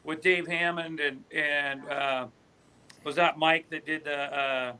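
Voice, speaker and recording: A man's voice: on the high side, steady tone, slow, pushed and bright, slight background noise. An older man, a grandfather, co-hosting a casual racing chat in an easygoing way.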